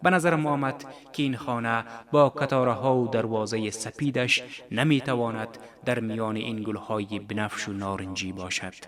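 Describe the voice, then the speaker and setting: A man reading a literary story on radio, calm and measured. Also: medium pitch. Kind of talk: scripted literary narration.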